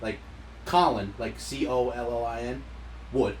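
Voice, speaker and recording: A man's voice: mid-range voice, steady tone, a little slow, slight background noise, low-quality recording. A man co-hosting a podcast, chatting casually about sports in a blunt, jokey way and swearing often. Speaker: podcast co-host.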